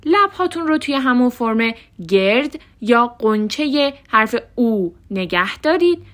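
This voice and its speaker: Woman teaching vowels slowly. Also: a little high, very animated. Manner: repeats each sound and word slowly and distinctly. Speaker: language teacher. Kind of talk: instructional lesson, modeling pronunciation.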